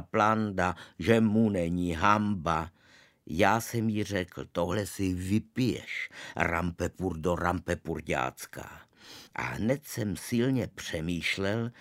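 Deep-voiced man reading a children's story. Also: no room sound, clean studio sound. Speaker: narrator. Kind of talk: scripted narration of a children's story.

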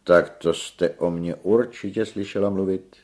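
A man reading a story aloud, voicing a flamboyant, self-important male opera singer in a loud, theatrical way. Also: low voice, steady tone, pitched above the performer's own voice, lightly acted. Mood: pompous. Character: flamboyant vain male opera tenor, grand.

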